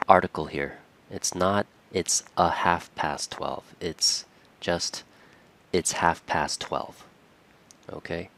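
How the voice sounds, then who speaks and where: A man teaching an English lesson, talking slowly and patiently and repeating the example phrases. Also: sits low. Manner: acts out short example dialogues. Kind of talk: explaining lesson to camera.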